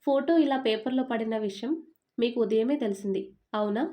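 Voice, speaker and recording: A woman's voice: on the high side, normal speed, mellow, natural voice. A woman voicing a stubborn, suspicious young woman who fires off accusing questions.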